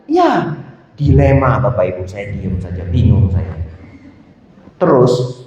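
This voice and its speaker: Man, Buddhist monk, storytelling sermon, animated, talks to the audience, distant mic, dull sound. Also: fairly low pitch, takes it slowly. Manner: lively, animated storytelling, often addressing the audience. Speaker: Buddhist monk giving a Dhamma talk. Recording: echoey hall, distant mic, slightly dull.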